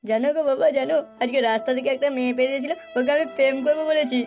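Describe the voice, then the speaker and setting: A woman's voice: high-pitched, fairly even intonation, rapid-fire, narrow, tinny audio. Woman voicing a foul-mouthed, hapless cartoon boy. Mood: plaintive. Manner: crude, foul-mouthed grumbling. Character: hapless young son, boastful yet meek. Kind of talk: amateur cartoon dub. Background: music.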